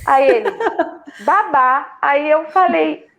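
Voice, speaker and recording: A woman with a Brazilian Portuguese accent telling her story in a casual interview, animated and full of fillers and restarts. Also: on the high side, measured pace, slight background noise. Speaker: student telling her experience.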